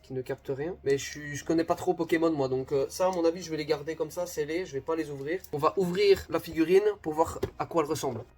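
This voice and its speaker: A man's voice: a little high, quick pace, few pauses, darkish tone. A man hosting an unboxing video in a casual, chatty way, often joking about himself and talking straight to his viewers. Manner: chatty, self-deprecating, addresses viewers as "guys".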